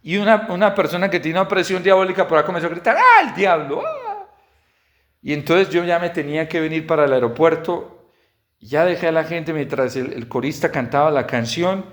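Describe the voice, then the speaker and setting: Man preaching a homily. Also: fast talker. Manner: builds to loud high-pitched exhortations; storytelling with lively quoted dialogue.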